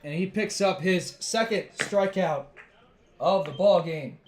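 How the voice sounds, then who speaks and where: A man doing baseball play-by-play who is losing his voice, with calm measured calls that rise on big plays. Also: high voice, roomy sound, slight background noise. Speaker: play-by-play announcer.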